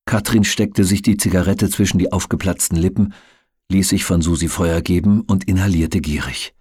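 Husky low-voiced male audiobook narrator. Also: fairly even intonation, moderate pace, a little mellow, no echo, clean studio sound. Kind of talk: audiobook reading.

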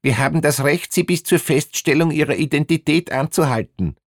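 A woman's voice: sits low, lively intonation, fairly quick, no room sound, studio quality, voice pushed up. A man voicing a relentless, bigoted female ticket inspector who rattles off questions in a clipped, accusatory way. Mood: officious.

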